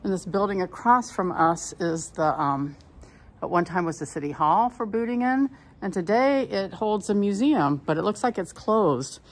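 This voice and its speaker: A woman leads a walking tour outdoors on old town streets, speaking at medium pitch with lively intonation and a moderate pace. As she films, she keeps up casual chatter and points out what there is to see.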